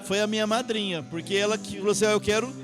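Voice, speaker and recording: High-voiced middle-aged Brazilian man. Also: fast talker. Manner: rambling, frequent tag questions. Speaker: artist guest. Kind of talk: interview storytelling. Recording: music playing behind.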